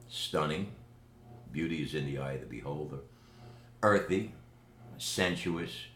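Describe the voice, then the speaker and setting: In a boastful, emphatic message to the camera, the older man from New York City talks slowly and deliberately in his New York accent. The voice is a low rumble with a fairly bright tone, recorded at home in an echoey space with faint background noise.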